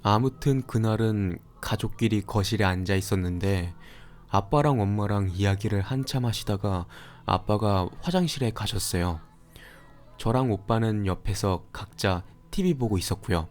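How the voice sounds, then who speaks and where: A man calmly narrating a scary story for a horror radio show. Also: on the low side, moderate pace, soft background music. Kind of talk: scripted horror story reading.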